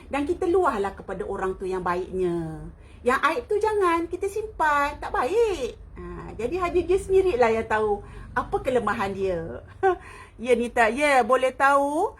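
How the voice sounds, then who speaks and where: A woman's voice: high-pitched, sing-song, normal speed, a little hiss or hum. A middle-aged Malaysian woman hosting a live talk, chatting with viewers, laughing often and mixing English phrases into her speech. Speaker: online talk host. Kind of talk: live-stream chat answering viewers.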